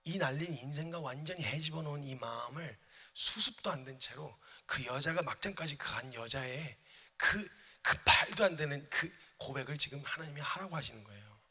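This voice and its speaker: Husky, bright-voiced man preaching dramatically. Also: a little high, lively intonation, normal speed. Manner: emphatic, dramatic, addresses the congregation. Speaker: missionary preacher. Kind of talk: sermon. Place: church sanctuary. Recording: reverberant church hall.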